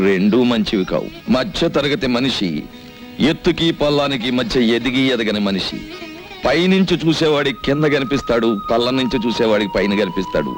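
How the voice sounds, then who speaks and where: A man's voice: medium pitch, lightly acted. A middle-aged actor playing an earnest family man who speaks solemnly, as if giving a speech. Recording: film soundtrack with faint music.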